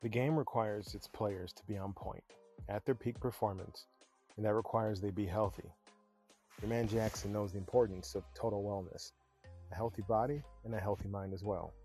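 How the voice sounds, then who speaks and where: A low, dark-toned male voice with fairly even intonation and a moderate pace hosts a podcast from the Chicago area, faint music in the background. The punchy, announcer-style scripted intro gives way to relaxed, chatty interview talk.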